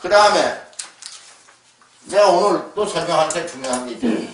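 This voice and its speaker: A lecturer on word origins delivers an emphatic, scolding talk, frequently tacking rhetorical questions onto his points. His high voice is expressive at a normal speed. The room is echoey, he's far from the mic, and there's slight background noise.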